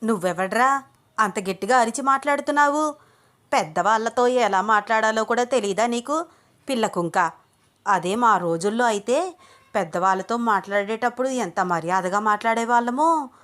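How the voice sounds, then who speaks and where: A woman's voice: fairly high pitch, voice pushed up. A woman voicing a cranky, forgetful old grandmother who speaks with a toothless lisp and stammer, in a story read aloud. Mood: scolding. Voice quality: lisping, stammering. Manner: scolding, loud and slow.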